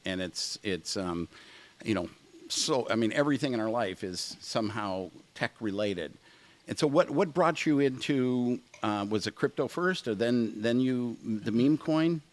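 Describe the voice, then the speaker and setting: A middle-aged man hosting a podcast interview, speaking emphatically and repeating his points. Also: fairly low pitch. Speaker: podcast host. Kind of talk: casual interview.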